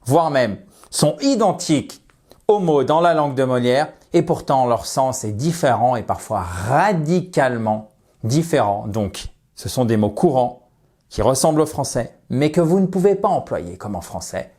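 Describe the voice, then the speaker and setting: A man teaching English vocabulary in a video lesson, deliberately repeating each example sentence. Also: medium pitch, sing-song, darkish tone, breathy edge. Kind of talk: video lesson for French speakers.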